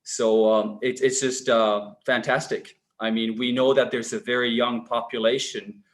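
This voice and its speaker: A man's voice: mid-range voice, level tone, unhurried. A man from Finland who heads a business incubation center, speaking fluently and with enthusiasm as a webinar panel guest over a video call.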